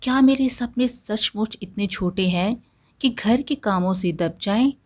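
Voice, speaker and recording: A woman's voice: mid-range voice, unhurried, natural voice. A woman voicing a tired but determined young village daughter-in-law in a storybook tale, speaking in a pleading way. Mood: weary.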